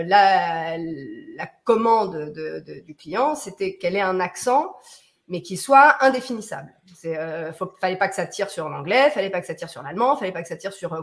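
Hesitant woman chatting casually. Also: lowish voice. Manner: hesitant, many fillers. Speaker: dubbing actress guest. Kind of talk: casual live chat.

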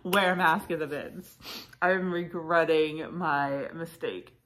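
A woman's voice: deep voice, steady tone, slow pace, a bit bright. A woman in her thirties, congested and sniffly, talking chattily through a clothing resale haul with lots of fillers and asides. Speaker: reseller vlogger. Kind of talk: casual haul vlog.

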